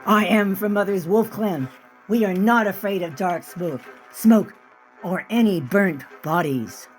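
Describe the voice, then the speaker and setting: A woman's voice: medium pitch, unhurried, faint music behind, natural voice. A woman reading her own novel aloud, voicing a frightened eleven-year-old girl who pleads in prayer as she flees. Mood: resolute.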